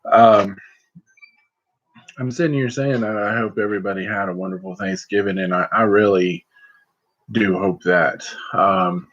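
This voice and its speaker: A middle-aged man chatting casually and folksily on a livestream, rambling along with hesitant pauses. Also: fairly low pitch, steady tone, a bit bright. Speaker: host of a livestream vlog. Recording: slightly muffled, lo-fi livestream audio.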